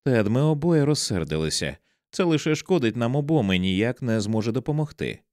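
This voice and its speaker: A frightened wife, sharp-edged and close to tears, as a male reader voices her. Her lines rise a little above the reader's low voice and swing widely in pitch. The sound is dry and close. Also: very animated, a little fast, no room sound, lightly acted. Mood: pleading. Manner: sharp, tearful, pleading. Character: anxious, angry wife confronting her husband.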